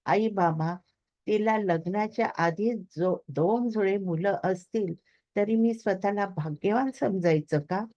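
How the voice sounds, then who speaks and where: A woman's voice: medium pitch, measured pace, warm tone, no echo, dull audio, lightly acted. A woman reading the part of a troubled young husband who speaks in a subdued, hesitant way.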